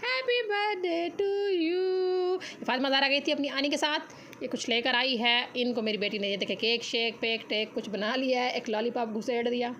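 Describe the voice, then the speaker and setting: Tired, chatty woman with a high voice. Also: fairly even intonation, fairly quick, bright, forceful tone. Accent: Pakistani Urdu. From Pakistan. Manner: chatty and teasing, talks straight to her viewers. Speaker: family vlogger and mother. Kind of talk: casual family vlog chat. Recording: echoey room with faint noise.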